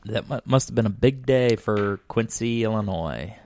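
A man's voice: on the low side, moderate pace, a little mellow. A man from Arizona co-hosting a podcast, chatting casually and joking with plenty of fillers. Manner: rambling, joking, lots of fillers. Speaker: podcast co-host. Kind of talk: casual chat.

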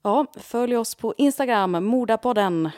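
A woman's voice: on the high side, darkish tone, dry recording, studio quality. Eager female podcast co-host. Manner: eager listener, chiming in with reactions. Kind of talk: casual chat.

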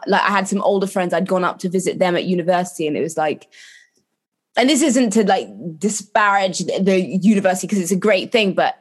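A woman with a London accent chatting casually as an interview guest, telling stories in an animated, slangy way and acting out quoted asides. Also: on the low side, fast talker. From London, England.

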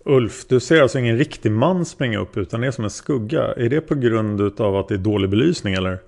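A man's voice: mid-range voice, expressive, gravelly, a little mellow. A man reading the questions of a methodical male police interrogator. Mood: probing. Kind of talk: read-aloud interrogation transcript.

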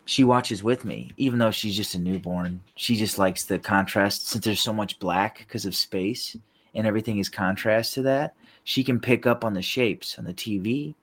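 Hesitant low-voiced male co-host. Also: normal speed, fairly bright tone. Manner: hesitant, lots of ums. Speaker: podcast co-host. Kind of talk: casual chat.

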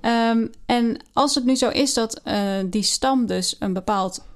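A woman explaining a research study in a casual conversation, often pausing with fillers and restarting her sentences. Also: on the high side. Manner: hesitant, many fillers and restarts. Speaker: co-host discussing a research article.

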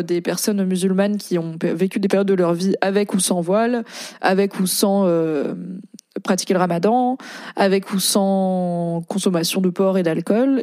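A woman's voice: mid-range voice, mellow, dry recording, studio quality. A young French-speaking woman hosting a casual podcast, reading and commenting on posts in a chatty way with many fillers.

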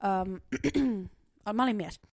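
A woman's voice: mid-range voice, dry recording, studio quality. A woman co-hosting a casual podcast game, giggly and hesitant, thinking aloud as she guesses. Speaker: podcast co-host.

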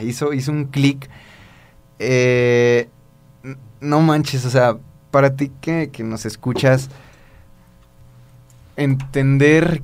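A podcast co-host with a Mexican accent tells a spiritual story in casual, rambling talk, restarting often and using many fillers. His voice is medium-pitched, clean, and a little mellow.

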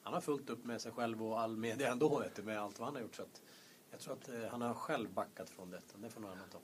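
A man's voice: fairly low pitch, a little hiss or hum. A man co-hosting a podcast, talking earnestly about former teammates and searching for words as he goes. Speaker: podcast co-host, former hockey player. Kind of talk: casual chat.

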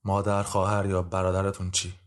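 A man voicing a stern, impatient male judge who questions in brisk, curt sentences. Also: low-pitched, completely flat delivery, natural voice.

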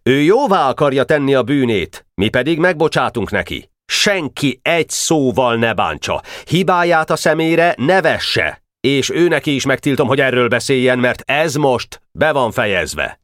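A man's voice: mid-range voice, lively intonation, few pauses, fairly bright tone, no echo, studio quality, voice pushed up, lightly acted. A man reading an audiobook voices an earnest schoolboy general who gives firm, commanding orders. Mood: solemn.

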